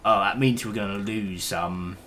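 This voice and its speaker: A man's voice: fairly low pitch, fairly even intonation, normal speed, fairly bright tone, a little hiss or hum. A man streaming a game, chatting casually with hesitant, rambling talk and the odd swear. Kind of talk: casual gaming stream chat.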